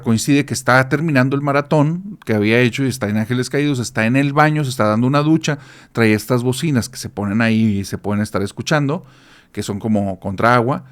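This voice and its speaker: A man's voice: medium pitch, clean tone. Mexican man telling horror stories casually. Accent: Mexican Spanish. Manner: rambling, with frequent restarts and acted quotes. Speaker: podcast guest.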